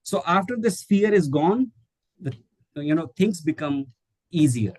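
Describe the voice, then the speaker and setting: His voice is fairly high, a little mellow and animated, delivered at a measured pace without echo. A middle-aged Indian man whose native tongue is Hindi, he is a guest speaker who trains English teachers, answering webinar questions online with frequent fillers, restarts and hesitation.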